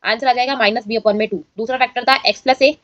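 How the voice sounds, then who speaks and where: A woman's voice: a little high, fairly even intonation, fast talker, fairly bright tone, no echo, dull audio. A woman teaching a maths lesson and explaining each step aloud, often checking in with her students.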